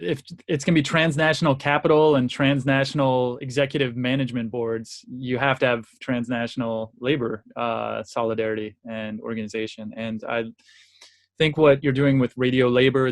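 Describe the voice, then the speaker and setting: A man interviewing a guest for a podcast, asking long, thoughtful questions with restarts. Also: mid-range voice. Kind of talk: casual interview talk.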